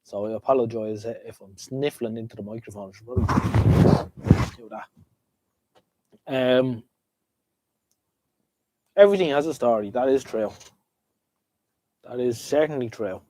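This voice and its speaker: With a slight head cold that has him sniffling, an Irish host chats and rambles to his livestream viewers over a desk microphone. His mid-range voice is warm, with a measured pace and long pauses, and the rough recording carries a little hiss or hum.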